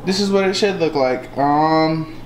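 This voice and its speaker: A man's voice: fairly high pitch, measured pace, a little hiss or hum. A man co-hosting a casual home cooking video, rambling and repeating his points to viewers. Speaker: co-host of a family cooking channel. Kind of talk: casual cooking demo chat. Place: home kitchen. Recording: echoey kitchen with clattering dishes.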